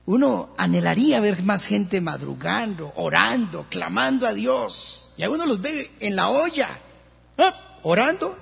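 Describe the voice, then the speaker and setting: A man with a Colombian accent, a pastor giving an animated sermon in church and acting out the voices of others. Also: sits high, unhurried, vocal fry, hardly any pauses, husky. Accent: Colombian Spanish. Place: church hall. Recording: lo-fi church recording with long reverb.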